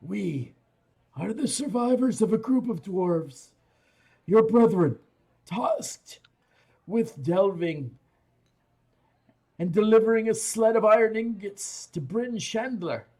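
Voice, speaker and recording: A game master voicing a raspy, earnest dwarf traveller who speaks formally and pleads for help in a tabletop game. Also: mid-range voice, lively intonation, takes it slowly, long pauses, a little mellow, pitched above the performer's own voice. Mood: earnest pleading.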